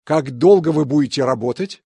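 Man, slightly high, husky voice, dry studio sound, careful course phrases. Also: fairly quick, no echo. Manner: even, careful enunciation. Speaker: language course speaker. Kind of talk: scripted phrase reading.

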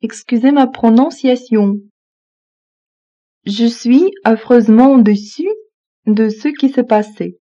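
Female phrasebook reader, slow and even, mellow tone, lo-fi dull recording. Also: on the high side. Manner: reads each phrase twice, evenly. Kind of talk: slow repeated phrasebook reading.

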